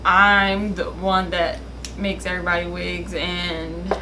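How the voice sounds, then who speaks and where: A woman's voice: on the low side, flat delivery, slow, background noise. A giggly drunk woman chatting casually as a vlog host, blunt and outspoken, swearing freely. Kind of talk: casual chat while doing makeup.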